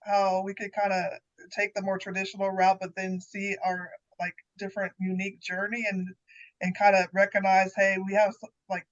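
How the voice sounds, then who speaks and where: A woman hosting a podcast in casual chat, encouraging and quick to laugh. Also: mid-range voice, little pitch movement. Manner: chatty, encouraging, laughs easily. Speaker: podcast host. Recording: slightly dull lo-fi sound.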